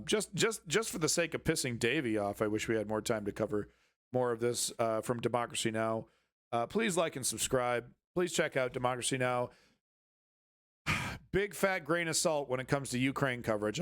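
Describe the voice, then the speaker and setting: A man's voice: mid-range voice, a bit bright, clean tone. A man hosting a news reaction stream, talking off the cuff in a sardonic way and repeating phrases for emphasis. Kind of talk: casual off-the-cuff political commentary.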